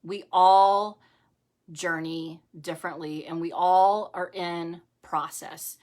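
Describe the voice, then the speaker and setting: A woman's voice: fairly low pitch, fairly even intonation, takes it slowly, darkish tone. Woman giving a chatty home devotional. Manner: conversational, many fillers and repeated phrases. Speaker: ministry host. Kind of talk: live-streamed devotional talk.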